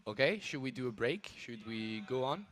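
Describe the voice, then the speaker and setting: A man's voice: mid-range voice, big pitch swings, normal speed, a bit bright. A man casting a live esports stream in a casual, playful chat with his co-caster, sometimes slipping in French words.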